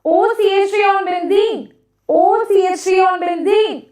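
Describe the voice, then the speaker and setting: A woman's voice: very high-pitched, fairly even intonation, measured pace, a little mellow. A woman with an Indian accent teaching a live exam-prep lesson, repeating phrases and questioning students, in a big echoing hall sound. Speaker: online chemistry teacher. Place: echoing classroom, voice far from mic. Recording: echoey room, big hall echo, distant mic.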